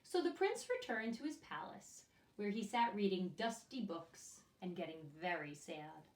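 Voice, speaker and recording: A children's storyteller and teacher reads a picture book aloud to young children, adding asides and asking them questions directly. Her mid-range voice is animated and expressive at a measured pace. A distant microphone in an echoey room captures her.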